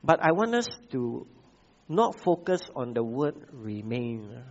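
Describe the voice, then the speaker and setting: A man with a Malaysian English accent preaching a sermon, repeating key phrases and pausing with frequent "uh" fillers. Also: medium pitch, very animated, dull audio. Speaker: pastor.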